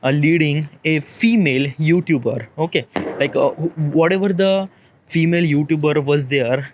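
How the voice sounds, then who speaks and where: A man in his late twenties with an Indian English accent, thinking aloud in a rambling, halting monologue and checking in with "okay?" as he goes. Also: on the high side, background noise. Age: 20s. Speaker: vlogger. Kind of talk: casual reflective monologue.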